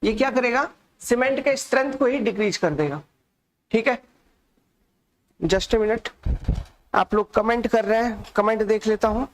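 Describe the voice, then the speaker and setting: Male tutor, high voice, talks slow and quiet on purpose, repeats terms for note-taking in a live class. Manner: speaks slowly and softly on purpose; dictates notes, repeating key terms. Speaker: exam-prep instructor. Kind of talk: live online lecture.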